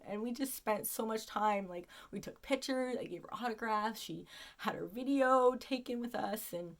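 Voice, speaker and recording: A woman with a slightly high voice shares a personal story with the camera at a moderate pace, informal in tone. Emotion overtakes her so that she is close to tears at points, and she repeats words frequently.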